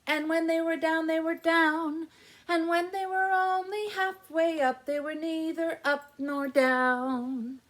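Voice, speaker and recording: Speaking at a slow pace in an extremely high, fairly bright and steady voice, a woman in her fifties hosts a library baby story time full of rhymes and songs. She talks and chants with exaggerated sing-song delivery. Faint background noise fills the small room with its alphabet backdrop.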